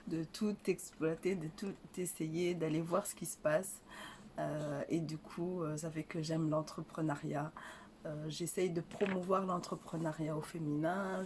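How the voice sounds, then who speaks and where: A woman's voice: low-pitched, a little mellow, slight background noise. An older woman from Rwanda, an author answering interview questions in a hesitant way, full of fillers and restarts. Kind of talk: casual interview.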